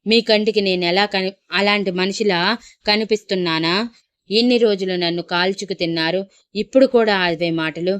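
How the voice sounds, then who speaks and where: A woman's voice: fairly low pitch, steady tone, moderate pace, a bit bright, clean tone, lightly acted. A woman voicing a wronged young wife who speaks in an indignant, insistent way.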